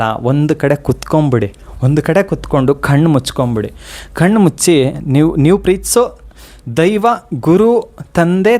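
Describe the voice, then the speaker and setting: A man gives a devotional motivational talk, speaking in a fairly high voice. He addresses his listeners directly and earnestly, repeating his key lines, and drops into a slow, soft chant when he prays. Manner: slows to a soft chant for prayers.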